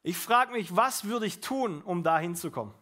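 A man with a high voice preaches a sermon. He talks to the congregation in a casual way, with lively asides and questions. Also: normal speed. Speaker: pastor.

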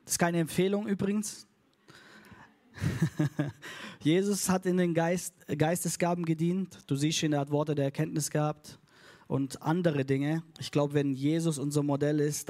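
A man delivers a sermon to his congregation in a church hall. His voice sits fairly high for a man. His delivery is casual and upbeat, with English phrases slipped in, and he leads the room in call and response. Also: flat delivery, moderate pace, mellow. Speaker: pastor.

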